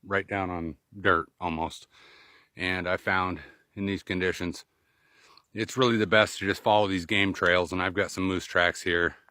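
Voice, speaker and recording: A man's voice: low voice, pushed and bright, no echo, clean studio sound. A man narrating a casual outdoor vlog in short bursts while trudging through snow on snowshoes, winded from the effort. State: winded from exertion. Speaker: outdoor vlogger. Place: outdoors in snowy woods and fields.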